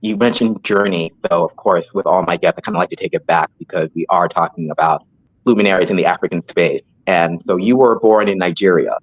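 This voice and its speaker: A man's voice: deep voice, fairly quick. A man hosting an interview, asking open questions and giving brief encouraging responses. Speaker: interview host. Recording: dull lo-fi sound.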